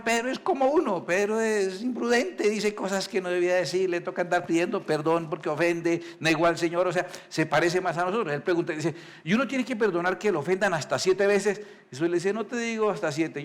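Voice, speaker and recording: Man, pastor, sermon, chatty storytelling, slightly high pitch. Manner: conversational, storytelling with asides and questions; reads scripture slowly and deliberately.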